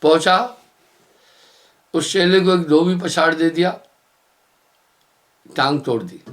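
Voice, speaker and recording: A male spiritual teacher delivers a sermon at a slow, deliberate pace. His voice sits a little high for a man. He tells moral stories and draws out his verses in a measured chant. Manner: unhurried storyteller, chanting verses slowly. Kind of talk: sermon with storytelling.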